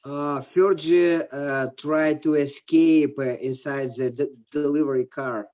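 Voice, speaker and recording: A male student retelling a film scene in class, halting with many fillers, over muffled video-call audio. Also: a little high, steady tone, darkish tone.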